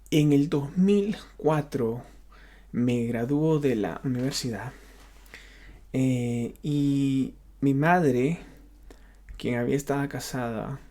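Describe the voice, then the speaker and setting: A pastor from Honduras delivers his personal testimony unscripted, his Honduran Spanish accent clear as he halts and repeats himself, hunting for words. His voice is medium-pitched and dark in tone.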